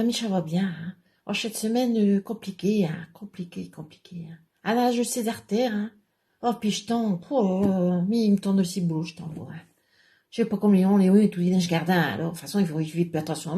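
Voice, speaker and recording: A woman's voice: medium pitch, brisk, mellow, natural voice. A woman playing a chatty, gossiping village woman in a rambling comic monologue that keeps dropping into confiding whispers. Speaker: comic segment character.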